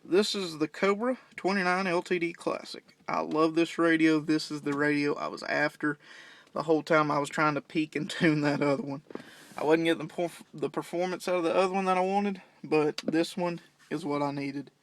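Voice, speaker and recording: Speaking at a moderate pace with fairly even intonation, a young man with a fairly bright, high-leaning voice demonstrates CB radio gear around the parked vehicles at his home. His unscripted how-to is casual and plain-spoken, going step by step, with slight background noise.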